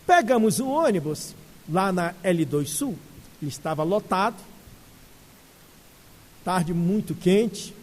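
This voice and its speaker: A man with a Brazilian Portuguese accent giving a spiritist lecture and telling a story with animated humor. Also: sits high, takes it slowly, long pauses. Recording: echoey hall.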